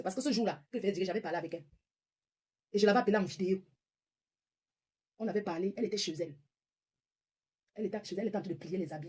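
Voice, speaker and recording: A woman's voice: medium pitch, breathy edge. A woman in her forties from northern France, ranting confrontationally on a live stream and repeating her points. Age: 40s. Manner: confrontational, repetitive, scolding. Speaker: social media livestreamer. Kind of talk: heated live-stream rant.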